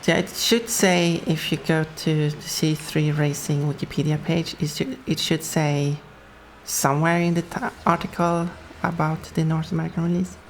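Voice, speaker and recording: A young Swedish woman with a Swedish accent chats casually with her viewers while playing a racing game, laughing often. Her voice sits low with fairly even intonation at a normal pace. A slight hiss or hum is present.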